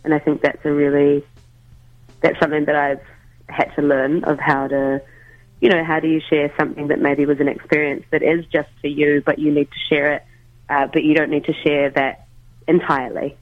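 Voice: medium pitch, level tone, normal speed, dry recording. A musician guest talking casually by phone from home, hesitant, with many ums and restarts. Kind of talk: casual interview over the phone. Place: at home, making coffee. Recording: tinny phone line.

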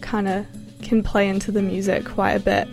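A woman's voice: medium pitch, flat delivery, normal speed, vocal fry, a little mellow, soft background music. A woman hosting a student radio show, interviewing a guest in a friendly, enthusiastic way with some hesitant phrasing. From New Zealand. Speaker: radio host.

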